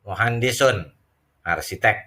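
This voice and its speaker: Slow deep-voiced male teacher. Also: bright, forceful tone. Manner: slow, drawn-out modeling of example phrases. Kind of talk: classroom lesson explanation.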